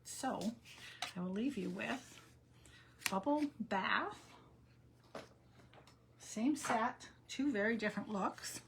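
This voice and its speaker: Middle-aged woman, chatty self-mocking craft host, home room with steady background noise. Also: on the high side, slow pace, vocal fry, pauses often. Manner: chatty, self-deprecating, thinks aloud. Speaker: card-making tutorial host. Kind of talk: casual live crafting demo.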